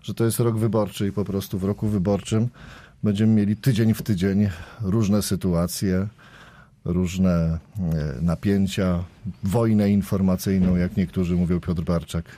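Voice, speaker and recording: A man's voice: low voice, flat delivery, measured pace, mellow, dry recording. A man moderating a political panel discussion, introducing guests and posing questions, often hesitating with fillers. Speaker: talk show moderator.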